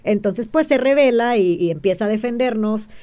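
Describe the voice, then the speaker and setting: A woman's voice: on the high side, lively intonation, moderate pace, dark tone. A woman explains things as an interview guest, often checking in with the listener and asking rhetorical questions. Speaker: interview guest, self-described witch.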